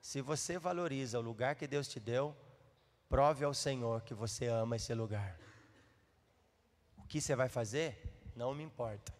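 A Brazilian man preaching as a pastor, speaking in an animated way and teasing and coaxing his congregation. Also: medium pitch, normal speed, pauses often. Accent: Brazilian Portuguese. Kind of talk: sermon. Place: church hall. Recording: reverberant church hall.

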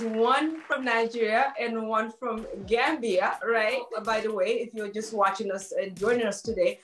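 Play a chatty, playful woman hosting a casual talk show. Keep it high-pitched, speak straight to the viewers, and let light laughs slip in.

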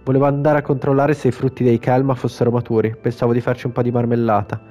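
A man's voice: mid-range voice, flat delivery, fast, warm tone, dull audio, faint music behind, lightly acted. A man reading the lines of a blunt, protective young woman from a video game, in his own plain voice.

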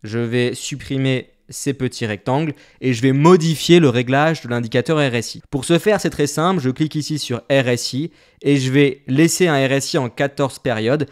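A man walks viewers through a charting tool in a screen-share lesson. His voice sits at an ordinary middle pitch, and he explains each step plainly and directly. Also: moderate pace, hardly any pauses, smooth. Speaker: trading instructor.

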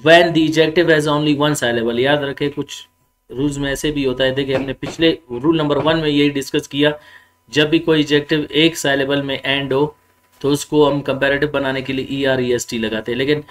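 A male grammar teacher giving a classroom lecture, mixing explanation with slow, spelled-out English examples and answering his own rhetorical questions. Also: mid-range voice, a bit bright. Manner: asks himself rhetorical questions and then answers them.

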